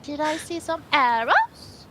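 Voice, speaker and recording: Very high-pitched, eager woman player. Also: wildly swooping pitch, slow pace, sharp tone, slight background noise. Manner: eager, curious, playful. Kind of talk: tabletop role-play.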